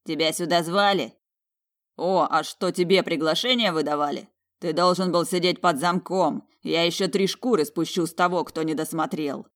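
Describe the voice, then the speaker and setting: A woman's voice: fairly low pitch, steady tone, normal speed, lightly acted. A woman reading an audiobook, voicing a proud, hot-tempered young male dragon general who growls his words through clenched teeth. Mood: menacing.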